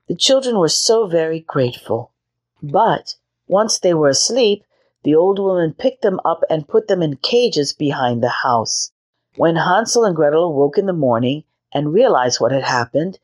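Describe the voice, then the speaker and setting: A woman with a notably low voice narrates a children's fairy tale as a storytelling host. Her reading is gentle and measured, paced for young listeners.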